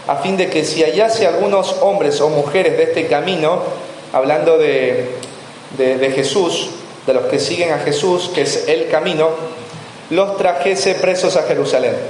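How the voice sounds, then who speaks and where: A man's voice: a little high, darkish tone. A man preaching a sermon as pastor, asking the congregation rhetorical questions. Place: church hall. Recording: echoey church hall with faint room noise.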